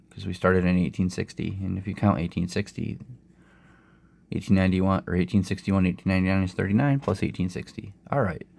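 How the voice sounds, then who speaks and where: A man with a sore throat and summer cold, casually narrating a golf game as host in a low-energy, unhurried way. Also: a little mellow. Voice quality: low, gravelly. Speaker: host of a sports gaming channel.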